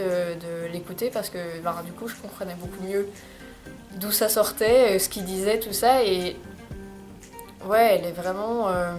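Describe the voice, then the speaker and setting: A young woman, chatting casually in a recommendations vlog, hesitant, with many fillers and restarts. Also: medium pitch. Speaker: vlogger. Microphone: camcorder microphone.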